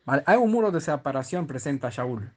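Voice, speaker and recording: A man's voice: on the high side, big pitch swings, brisk. A man from teaching scripture in a conversational way, often stopping to check that his listeners follow and restarting his sentences. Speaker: Bible teacher.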